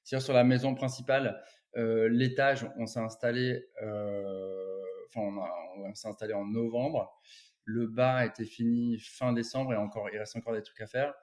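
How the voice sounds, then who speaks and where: A man's voice: medium pitch, flat delivery, normal speed, darkish tone. A man from Brittany, a photographer, talking as an interview guest in a rambling way with many restarts. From Brittany, France. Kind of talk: casual interview chat.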